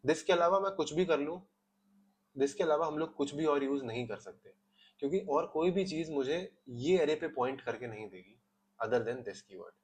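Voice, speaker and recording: A man teaching a coding lesson over his screen, explaining each step calmly in Hindi mixed with English terms and often checking in with "ठीक है". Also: on the high side, moderate pace. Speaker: coding tutor.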